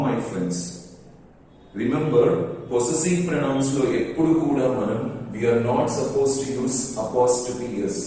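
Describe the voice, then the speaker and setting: A man with a Telugu accent giving a motivational exam-prep English lesson, slowing down to stress English phrases. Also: medium pitch, warm tone, very echoey, long reverb tail, far from the mic, slight background noise, rough recording. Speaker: English teacher.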